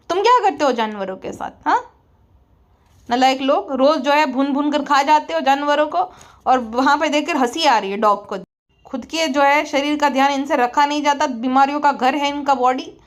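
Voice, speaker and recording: High-voiced sarcastic woman commentator. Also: moderate pace. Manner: scolding, sarcastic, outspoken. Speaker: vlogger. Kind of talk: gossip commentary vlog.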